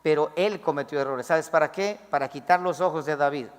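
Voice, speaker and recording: Man, pastor preaching a sermon, high voice, long hall reverb, dramatic pleading asides. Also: brisk, clear, resonant tone. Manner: preaching, acts out pleading prayers in a raised voice.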